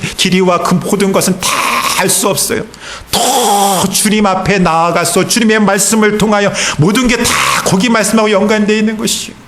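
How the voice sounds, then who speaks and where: A middle-aged male pastor delivers a sermon in church, his voice sitting a little high for a man. He preaches in an earnest, storytelling way, taking his time and pausing between phrases. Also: a bit bright.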